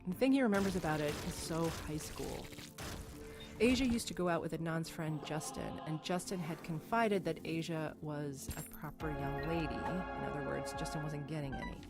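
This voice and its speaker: Female journalist narrator, low register, measured and wry, scripted podcast read.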